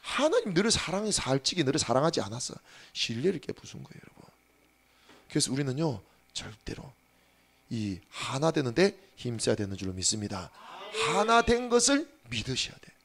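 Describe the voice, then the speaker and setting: A male pastor preaching a sermon, speaking straight to his congregation, dropping to hushed asides and then rising to loud emphatic calls. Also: mid-range voice, very animated, brisk. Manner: speaks to the congregation directly and has them repeat after him.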